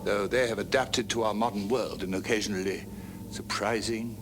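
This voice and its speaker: Low-voiced male narrator, old VHS tape. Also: steady tone. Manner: dramatic, slow ominous pauses. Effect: old VHS tape sound. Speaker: documentary narrator. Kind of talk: scripted narration. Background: music.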